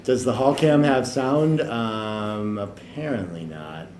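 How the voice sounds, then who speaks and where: A man hosting a live tournament stream in a casual, joking way, often trailing off into quiet asides. The room is echoey. A faint noise runs underneath. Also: fairly low pitch, slow.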